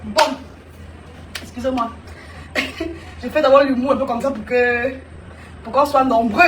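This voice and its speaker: High-voiced woman streaming live. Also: a little slow, echoey room, recorded from a distance, a little hiss or hum. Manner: animated, teasing, addresses viewers directly. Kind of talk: live stream monologue to viewers.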